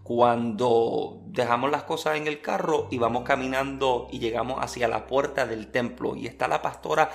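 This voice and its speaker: A man's voice: medium pitch, normal speed, vocal fry, few pauses. Male preacher telling a testimony. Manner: storytelling, earnest and lively. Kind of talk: personal testimony in a sermon.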